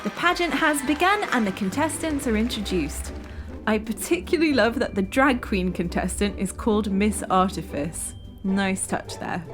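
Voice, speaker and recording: A woman's voice: mid-range voice, animated, moderate pace, music in the background. A woman hosting a review show, narrating with wry, sarcastic humor. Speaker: host reviewing a TV series.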